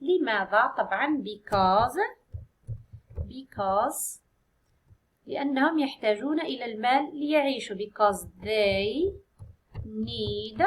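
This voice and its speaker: An Algerian woman teaching an English exam review, speaking slowly and deliberately, repeating key words and switching into Arabic to explain. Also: fairly high pitch, rough recording. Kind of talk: classroom exam review lesson.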